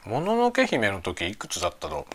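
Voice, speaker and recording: Animated man chatting while chewing. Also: on the high side, brisk, vocal fry, a little hiss or hum. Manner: chatting while eating bread, mouth sometimes busy chewing; musing, seeks agreement from listeners. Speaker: streamer. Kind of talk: casual rambling chat.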